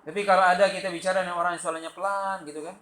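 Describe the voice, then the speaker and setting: A man from Sumatra with a Sumatran Indonesian accent, giving a loud, lively religious lecture and acting out the quotes in his stories. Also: high-pitched, rapid-fire. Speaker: religious teacher. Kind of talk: study-circle lecture. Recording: echoey room with faint background noise.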